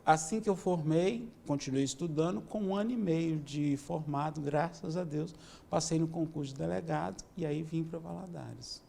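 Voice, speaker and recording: A man, a police chief answering interview questions in a measured, explanatory way, often adding "né". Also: a little high, vocal fry, mellow, slight background noise. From Minas Gerais, Brazil. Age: 50s. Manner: measured, explanatory, with many "né" tags.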